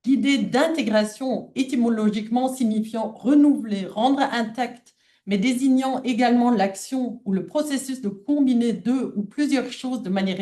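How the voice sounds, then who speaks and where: This woman, whose first language isn't French, gives a formal academic lecture by reading a prepared script aloud. Her voice is mellow and somewhat high.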